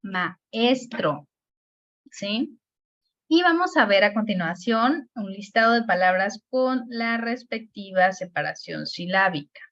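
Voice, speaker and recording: A woman's voice: mid-range voice, animated, fairly bright tone. Mexican woman teaching a spelling lesson. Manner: explanatory, repeats words slowly to show stress. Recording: dull lo-fi recording.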